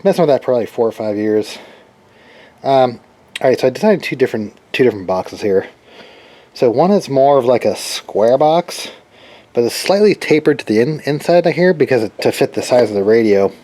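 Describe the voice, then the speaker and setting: Expressive and mellow, his mid-range voice moves at a normal speed while he informally narrates a homemade radio project, wandering through his thoughts. There's noticeable noise behind him.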